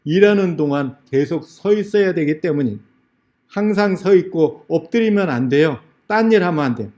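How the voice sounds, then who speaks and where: A man serving as a lay elder delivers a revival-meeting sermon lecture. He talks in a fairly high voice with a dark, mellow tone. He tells stories in a conversational way and often puts questions to the congregation. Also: expressive, moderate pace. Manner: storytelling, acts out dialogues in a raised voice; direct questions to the audience.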